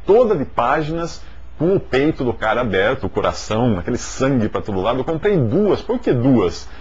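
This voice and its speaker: A man in his forties from Brazil, giving a lively, joking talk to an audience in a studio on a lapel mic. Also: medium pitch, husky. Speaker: speaker. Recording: dull lo-fi video sound.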